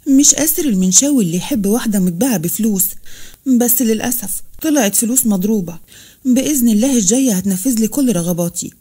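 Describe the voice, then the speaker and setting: A woman's voice: fairly high pitch, expressive, fast talker, mellow, breathy edge. A woman voicing a cold, scheming rich young man, speaking with an Egyptian Arabic accent in a cool, dismissive tone.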